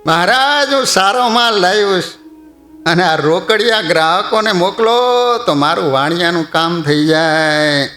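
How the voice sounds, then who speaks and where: A man voicing an eager merchant who pitches his goods in a pleading salesman's patter. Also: a little slow, bright, forceful tone, roomy sound, soft background music.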